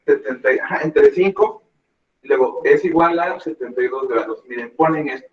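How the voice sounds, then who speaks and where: A man's voice: mid-range voice, sing-song, normal speed. A man teaching a math class, patiently guiding students step by step. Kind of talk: classroom lesson. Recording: echoey classroom, dull lo-fi sound.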